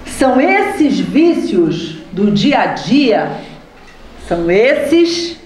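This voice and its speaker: A Brazilian woman leading a spiritist study talk to a group, lively and teasing her listeners with questions. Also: fairly high pitch, very slow, slight background noise. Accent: Brazilian Portuguese. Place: spiritist center hall. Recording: roomy hall with faint ambience.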